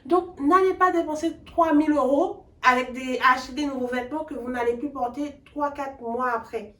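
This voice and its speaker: High-voiced Antillean woman, echoey room. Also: moderate pace, a bit bright. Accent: French Caribbean. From French Antilles. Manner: laughs often, many restarts. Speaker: talk show co-host. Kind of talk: casual advice chat. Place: living room, on a sofa. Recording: echoey room, mic far off.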